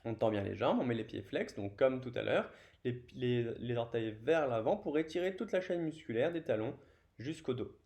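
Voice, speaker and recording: A man with a French accent guiding a beginner yoga class, calmly cueing each breath and movement. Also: mid-range voice, moderate pace. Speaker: yoga teacher. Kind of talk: guided yoga class instruction.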